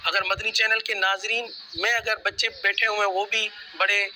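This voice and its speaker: A man's voice: sits high, level tone, pushed and bright, slight background noise, low-quality recording. A man teaching children to pronounce Arabic letters, patiently drilling each sound and having them repeat it after him. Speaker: Quran recitation teacher.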